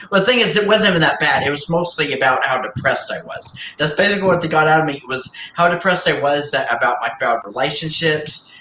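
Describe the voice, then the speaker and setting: A man hosting a livestream and chatting casually in a rambling, halting way, often restarting and repeating his words. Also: fairly high pitch, sharp tone, slight background noise. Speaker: livestream host. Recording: roomy echo.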